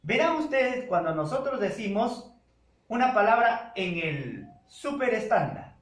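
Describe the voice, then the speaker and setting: A male teacher lectures his class in a high, lively voice, pausing often and repeating the key terms. He speaks slowly and keeps checking that the students follow. The sound is echoey, recorded in a classroom. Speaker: secondary school language teacher. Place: classroom with a whiteboard.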